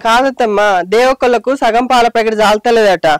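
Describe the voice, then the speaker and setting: A man's voice: extremely high pitch, fairly even intonation, a little fast, low-quality recording. A man with a Telangana accent playing a young village wife who fights back against her mother-in-law with curses and complaints. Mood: defiant. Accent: Telangana Telugu. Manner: defiant, cursing, complaining. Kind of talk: village comedy skit acting.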